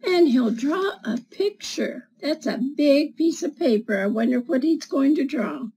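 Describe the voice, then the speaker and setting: A storyteller in her seventies reads aloud from a children's picture book for schoolchildren, deliberate as she talks through the pictures with gentle questions. Her voice is high-pitched with lively intonation. She's recorded indoors in a small bookshelf-lined room by a webcam at desk distance.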